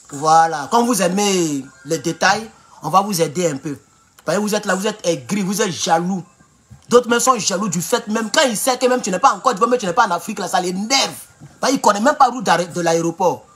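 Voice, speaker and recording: A man with an Ivorian French accent, speaking loudly and mockingly in a rambling live stream from his home, talking straight into his phone with no external mic. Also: high-pitched, brisk, soft background music. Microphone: phone without external mic.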